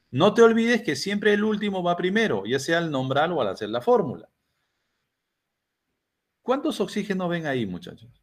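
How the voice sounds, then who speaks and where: A man's voice: sits high, sing-song, normal speed, pauses often. An older man with a Peruvian Spanish accent teaching a chemistry class, asking students questions and answering them himself. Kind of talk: classroom lecture.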